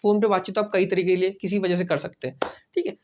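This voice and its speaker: A male teacher talks through a language lesson in an easygoing, conversational way. He goes step by step, says sample phrases slowly and more than once, and keeps checking that the listener is following. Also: sits high, level tone, slight background noise. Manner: explains step by step, often asks "right?" and repeats phrases slowly. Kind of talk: casual spoken lesson.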